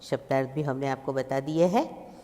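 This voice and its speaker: A woman's voice: rumbling low, warm tone. A woman teacher explaining a poem to pupils, stopping often to check that they follow. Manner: slow explaining with checking questions. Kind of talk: recorded Hindi poem lesson. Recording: long reverb.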